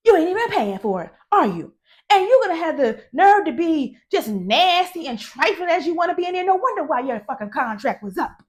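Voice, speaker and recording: A middle-aged woman giving a casual, profane movie recap, animated and laughing often. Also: high voice. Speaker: movie reviewer.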